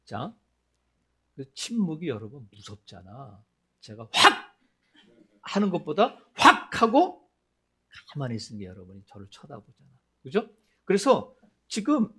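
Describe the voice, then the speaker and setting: A middle-aged man preaching a sermon as a pastor, asking his congregation many questions and acting out quoted voices in a lower tone. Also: breathy edge.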